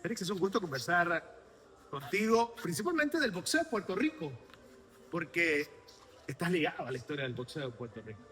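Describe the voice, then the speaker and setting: A man hosting a sports interview, lively and promotional, asking long questions. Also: a little high, moderate pace. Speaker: interviewer host.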